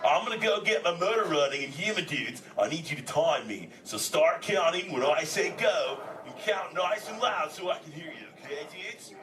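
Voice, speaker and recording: Brief: male actor as a chill surfer-slang sea turtle, bantering live with a crowd; pitched a bit high, heard from across an echoey, noisy hall. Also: lively intonation, moderate pace, hardly any pauses, natural voice. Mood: excited. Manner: surfer slang, says dude constantly, jokey. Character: laid-back male green sea turtle, surfer dude. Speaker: live character performer talking with an audience. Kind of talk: improvised live audience interaction. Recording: echoey venue from a distance, audience chatter. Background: audience chatter and crowd noise.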